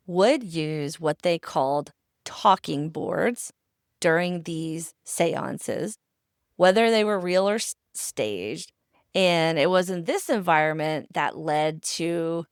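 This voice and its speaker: A woman hosting a podcast talks through a history story at an unhurried, slow pace. Her voice sits a little low, and she keeps it chatty and conversational, dropping in personal asides. The sound is dry and close, with little room around it. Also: no echo. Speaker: podcast host.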